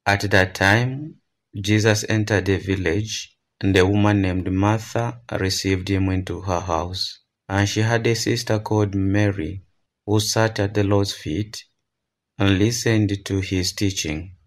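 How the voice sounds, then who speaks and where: Deep, slow male Gospel reader. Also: steady tone. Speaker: clergyman reading the Gospel. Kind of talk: solemn liturgical scripture reading.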